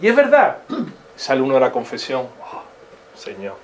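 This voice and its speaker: A man's voice: medium pitch, brisk, background noise. A man with a Spanish accent teaching a religious class informally, full of rhetorical questions and acted-out voices. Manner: animated, asks many rhetorical questions, acts out quoted voices. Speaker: catechist.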